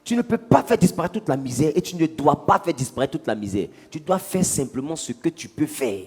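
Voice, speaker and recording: A man's voice: on the high side, expressive, fairly quick, a little mellow, husky. A man preaching a sermon, questioning the congregation and acting out little scenes. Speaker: pastor.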